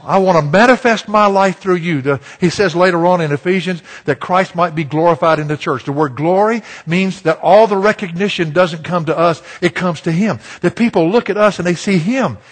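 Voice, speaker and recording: A man's voice: sits high, normal speed. An older man from Virginia, preaching a sermon as a pastor, folksy and self-deprecating in his storytelling. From Virginia, USA.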